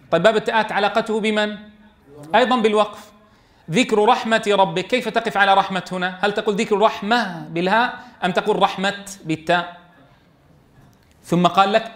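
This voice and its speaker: A man leads a classroom lesson on recitation rules. His voice sits high, and he keeps firing quick questions at his students. He chants verses slowly so the class can repeat them. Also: fairly bright tone. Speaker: Quran teacher trainer.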